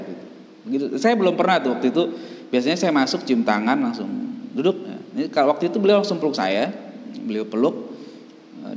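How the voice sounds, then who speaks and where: A middle-aged Indonesian man delivers a religious study lecture in a gentle, storytelling way, often tagging his phrases with "ya". His voice sits at an ordinary mid pitch for a man. The sound carries a long hall reverb. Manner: gentle storytelling, frequent "ya" tags. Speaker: religious teacher. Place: Islamic boarding school hall.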